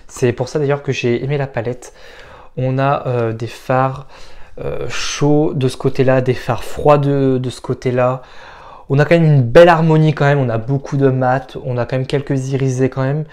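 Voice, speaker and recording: Guy doing a chill makeup review vlog, blunt opinions, lots of um and uh, mid-pitch voice. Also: fairly even intonation, normal speed, darkish tone. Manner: frank and opinionated, with frequent hesitant fillers. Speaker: makeup vlogger. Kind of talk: casual product review.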